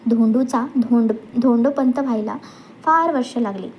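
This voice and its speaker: A woman's voice: a little high, measured pace, muffled recording, slight background noise. A woman reading a humorous novel aloud as an audiobook, telling the story expressively and acting out the voices of quoted relatives. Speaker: reader of a novel.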